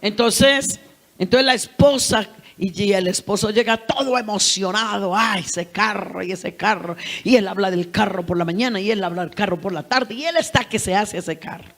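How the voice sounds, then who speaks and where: A woman's voice: medium pitch, normal speed. A middle-aged woman preaching a sermon in a folksy way, acting out little scenes from family life. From Colombia.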